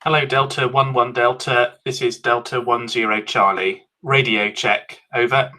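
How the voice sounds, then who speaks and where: A man's voice: medium pitch, steady tone, normal speed, pushed and bright, rough recording. Man calling over a walkie-talkie. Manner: formal call signs, short clipped phrases. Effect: heard over a walkie-talkie. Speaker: instructor demonstrating radio procedure. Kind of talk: clipped radio voice procedure.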